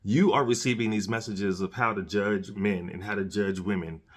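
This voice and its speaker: Earnest, preachy low-voiced man. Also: fairly even intonation, normal speed. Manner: earnest, preachy, repeats words and restarts. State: dry mouth, has candy in his mouth. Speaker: podcast host. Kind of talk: casual solo commentary.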